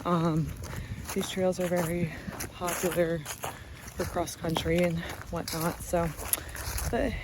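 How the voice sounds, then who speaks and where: Breathy hiker from new jersey rambling on a trail walk, filler words, noisy outdoor phone audio. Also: mid-range voice, level tone, takes it slowly. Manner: chatty, rambling, many fillers. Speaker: hiking vlogger. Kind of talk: casual walk-and-talk vlog. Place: wooded park trails outdoors.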